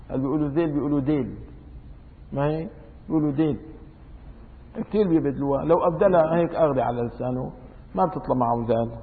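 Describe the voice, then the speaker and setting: A man's voice: on the high side, vocal fry. A man giving a religious law lesson, reading a classical text and then explaining it in dialect, repeating words aloud to show how they are pronounced. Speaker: religious teacher. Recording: echoey hall over a tinny phone-like line.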